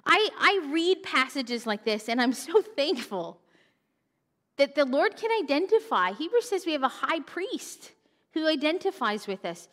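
A woman preaching a sermon, telling the story with animated expression and dropping to a hush for solemn points. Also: high voice, measured pace. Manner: animated storytelling, acts out mocking voices, drops to a hush for solemn moments. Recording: long reverb of a church hall.

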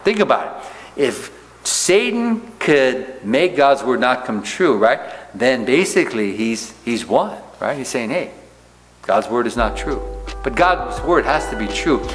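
A man's voice: mid-range voice, sing-song, a little slow, soft background music. Man teaching the Bible in a reverberant hall. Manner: conversational, keeps asking "right?" and "okay?". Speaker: pastor.

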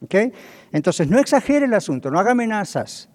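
A man's voice: high voice, sing-song, brisk, darkish tone. A man preaching as a pastor on marriage communication, often checking in with his listeners and acting out quoted speech. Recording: long hall reverb.

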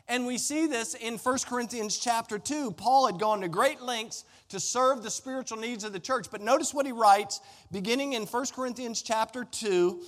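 A high-pitched middle-aged American man preaches as a pastor. His sermon style is conversational and emphatic, mixing storytelling with repetition and rhetorical questions.

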